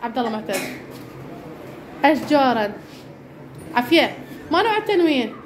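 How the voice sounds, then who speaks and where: A woman teacher with an Iraqi Arabic accent, leading a classroom lesson and briskly quizzing pupils by name. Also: high voice, very animated. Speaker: primary school teacher. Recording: echoey classroom with background noise.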